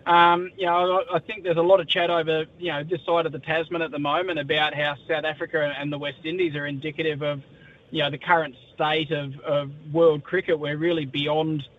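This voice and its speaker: A man's voice: flat delivery, a little fast. An Australian man chatting as a sports correspondent in a live radio interview, discursive and colloquial. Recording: muffled, low-fi line with faint noise.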